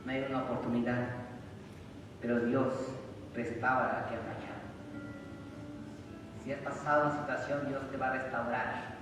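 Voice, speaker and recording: A man preaching a sermon and reading scripture, rising loudly for emphasis. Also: medium pitch, level tone, moderate pace, pauses often. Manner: emphatic, loud rises when reading scripture. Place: church sanctuary. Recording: echoey hall from far off, noisy.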